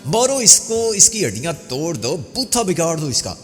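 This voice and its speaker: A man voicing a loud, menacing gang boss who blusters and hurls insults, with a Punjabi-tinged voice. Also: fairly high pitch, very animated, voice pushed up. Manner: blustering, threatening, shouting insults. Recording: long hall reverb with faint music.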